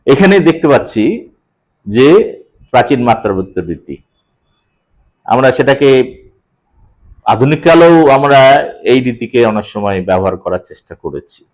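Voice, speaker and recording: Middle-aged man, teacher, measured lecture, fillers and self-corrections, drawn-out verse reading. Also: mid-range voice, sing-song, darkish tone. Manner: measured, reads verse slowly with drawn-out syllables. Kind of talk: lecture on poetic meter.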